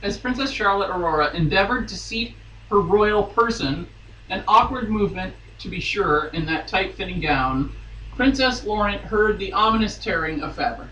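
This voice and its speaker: Expressive and sharp-toned, his high voice moves at normal speed through a dramatic, theatrical reading of a romance novel. He's a guest reader on a podcast, given to amused asides. There's faint noise, and the distant mic sounds roomy.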